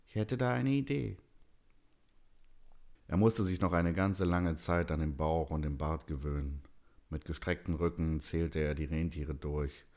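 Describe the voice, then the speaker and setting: A man narrating a dramatic Christmas story as an audiobook, steady and storytelling. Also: rumbling low, normal speed.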